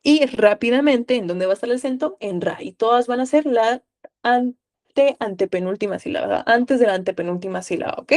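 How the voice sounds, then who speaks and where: A woman's voice: fairly high pitch, moderate pace, darkish tone. Upbeat woman tutor coaxing students. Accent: Guatemalan. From Guatemala. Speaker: online tutor. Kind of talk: live online class.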